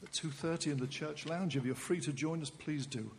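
A man's voice: fairly high pitch, a little fast. A man making an informal announcement to a church congregation, polite and a little hesitant. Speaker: church member giving a notice. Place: church hall or sanctuary. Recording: reverberant hall with faint background noise.

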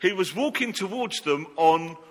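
A man's voice: high-pitched, expressive, normal speed. A man preaching an all-age sermon in a church, telling the story playfully, joking and coaxing volunteers to act it out. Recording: long church reverb, faint background noise.

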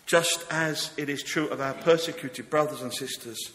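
A man preaching a sermon to a congregation in an earnest, rhetorical way with deliberate phrasing. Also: a little high, a bit bright. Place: church, speaking to a congregation. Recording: long echo of a large hall.

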